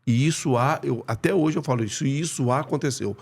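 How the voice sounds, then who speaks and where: A middle-aged man, a former footballer telling lively anecdotes as a podcast guest in a studio. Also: mid-range voice, fast, vocal fry, breathy edge. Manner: animated anecdotes, hesitant restarts. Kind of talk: casual storytelling.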